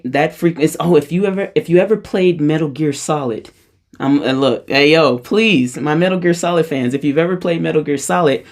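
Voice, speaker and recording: Rambling, slangy woman telling a story. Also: low-pitched. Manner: rambling, slangy, animated, many restarts. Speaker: spiritual vlogger. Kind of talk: casual storytelling to camera.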